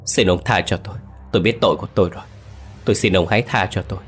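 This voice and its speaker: A man's voice: low-pitched, racing, a bit bright, soft background music. A man voicing a boastful old male sorcerer who swaggers at first and later begs for his life. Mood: begging. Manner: boastful, then pleading.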